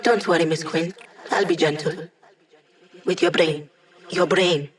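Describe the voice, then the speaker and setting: A woman's voice: lowish voice, steady tone, unhurried, roomy sound, distant mic, natural voice. A woman voicing a cocky, playful young female hacker in a video game, with a wry, teasing, self-assured delivery. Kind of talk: video game character voice lines.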